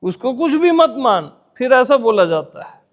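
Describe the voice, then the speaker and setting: Man teaching a spiritual gathering, slow and chatty, highish voice, keeps repeating words and quizzing folks. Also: very animated. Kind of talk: informal satsang discourse.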